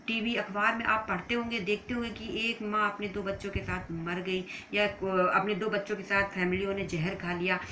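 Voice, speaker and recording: Female preacher, bright and forceful tone, emotional emphatic sermon delivery, faint background noise. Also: medium pitch, little pitch movement, normal speed, few pauses, poor audio. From India.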